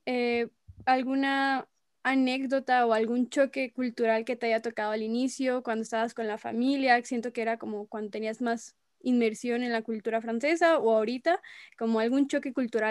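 A woman's voice: fairly high pitch, steady tone, normal speed, dry recording, clean studio sound. A woman interviewing a guest, asking long, rambling questions in a friendly, encouraging way.

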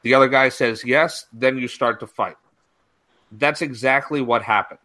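A man's voice: mid-range voice, normal speed, bright, forceful tone. A man co-hosting a casual hockey podcast, arguing his point in an emphatic way. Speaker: podcast co-host. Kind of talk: casual sports chat.

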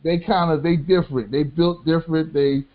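A middle-aged man co-hosting a podcast, talking in easy casual chat. He is laid-back, circles back over his own phrases and drops in a lot of yeahs. His voice sits a little high for a man, and the recording sounds dull and lo-fi. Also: steady tone, fairly quick. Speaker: podcast co-host.

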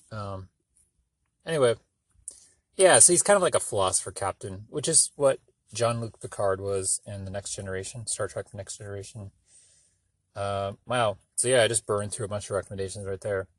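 A man's voice: on the low side, no room sound. A man hosting his own podcast, talking casually and meandering from thought to thought with many filler sounds. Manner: rambling, meandering, filler-heavy; offhand, self-deprecating. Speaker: podcast host. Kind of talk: solo casual monologue.

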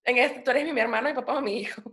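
A young woman with a Venezuelan accent and a high-pitched voice. She answers her co-host with short, dry, teasing remarks in a relaxed podcast chat. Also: rapid-fire. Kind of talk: casual chat.

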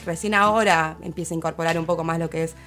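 A woman's voice: low-pitched, steady tone, fast, fairly bright tone. A woman with a Rioplatense Spanish accent, casually discussing fashion on a panel and nodding along with frequent affirmations. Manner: thoughtful, many affirming fillers. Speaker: fashion commentator.

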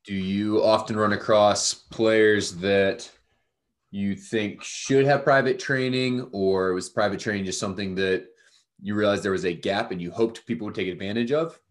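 Man hosting interview, lower pitch, casual upbeat questions. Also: steady tone, normal speed. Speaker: podcast host.

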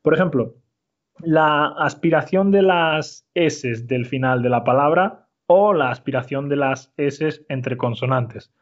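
A man's voice: fairly high pitch, slow, dull audio. A man teaching a Spanish lesson, explaining step by step and often checking in with his listeners. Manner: explanatory, frequent "¿vale?" checks. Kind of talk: language lesson.

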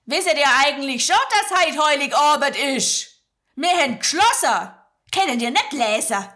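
A woman voicing a gruff, rude male village innkeeper with a Swabian accent, who scolds and barks. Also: sits high, animated, normal speed, pushed and bright, voice pushed up. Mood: scolding. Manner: barking, scolding.

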